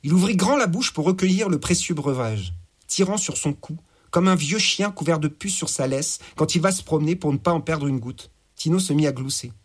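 A man narrating an audiobook in a crude, lively storytelling manner. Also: fairly high pitch, fairly quick, slightly rough.

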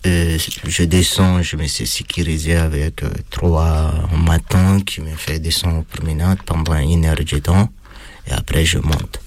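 A man with a foreign accent answering interview questions in a hesitant, halting way, pausing often and filling gaps with hesitation sounds. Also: sits low, darkish tone, no echo. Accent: foreign accent in French. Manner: hesitant, halting, many pauses and fillers. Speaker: interviewee recounting time in prison. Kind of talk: casual spoken testimony.

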